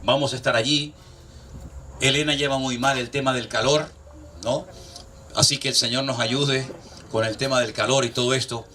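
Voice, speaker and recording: A man's voice: mid-range voice, fairly even intonation, moderate pace, long pauses, sharp tone. A middle-aged man, preaching a sermon as pastor, telling jokey stories, acting out the voices he quotes and laughing often.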